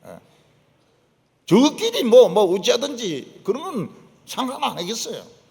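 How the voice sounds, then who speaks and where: An older man preaching, emphatic, repeating his points and dropping to low asides. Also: big pitch swings, unhurried, creaky, a little mellow. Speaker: pastor. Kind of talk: sermon. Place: church sanctuary. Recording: long church hall reverb.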